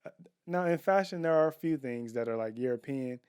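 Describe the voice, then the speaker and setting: A man in casual conversation on a home podcast, pressing his opinions with emphasis. His voice sits at an ordinary middle pitch. The sound is close and dry. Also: expressive, fairly quick, a little mellow, smooth, no room sound. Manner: opinionated, emphatic, restarts and fillers. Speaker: podcast co-host. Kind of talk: casual chat.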